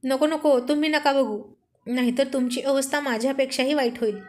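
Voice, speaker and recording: A woman doing a cheeky young man who works as an assistant, playful and teasing with his boss in a spoken storybook. The voice sits high, with a light, bright pitch. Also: fairly even intonation, brisk, close to an everyday voice. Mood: earnest.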